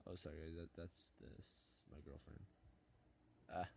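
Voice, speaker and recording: Young man, low and mellow voice, slow deflated pack-opening commentary, faint hum behind. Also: steady tone, gravelly. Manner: dejected, mutters complaints, perks up at good pulls. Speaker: gaming channel host.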